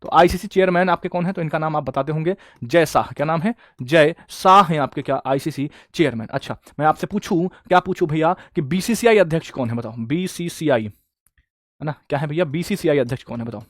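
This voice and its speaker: Online class teacher, male, brisk quiz style, dry close-miked sound. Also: a little high, no echo. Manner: quizzing students, repeating answers. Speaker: exam coaching teacher.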